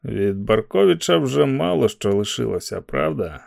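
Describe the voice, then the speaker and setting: A man reading an audiobook voices a weary, sardonic young male walker in a gravelly tone. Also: fairly low pitch, very animated, normal speed, darkish tone, no echo, clean studio sound, full character voice. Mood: brooding.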